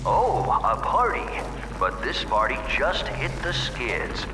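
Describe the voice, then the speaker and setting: A man's voice: medium pitch, huge pitch swings, slow. A man playing a slick, upbeat advertising announcer in a video game's retro promotional film, with showy salesman patter. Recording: distant, echoey playback under loud music.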